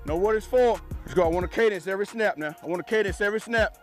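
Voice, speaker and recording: A football coach at outdoor practice, wearing a body mic, joking with players and shouting energetic drill commands. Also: male voice, high-pitched, very fast, faint music behind. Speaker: defensive line coach. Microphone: wireless body mic.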